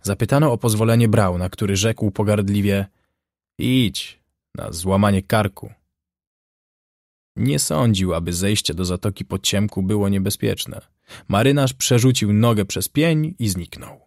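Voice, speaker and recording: A man narrating an audiobook in a measured, dramatic way, close to the mic. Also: on the low side, a little mellow, no room sound. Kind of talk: scripted narration.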